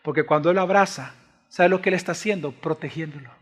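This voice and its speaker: A Salvadoran man preaching a passionate sermon as pastor, swinging between loud exclaims and hushed pleas. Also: a little high, quick pace. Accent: Salvadoran Spanish. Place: church sanctuary. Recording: long church reverb.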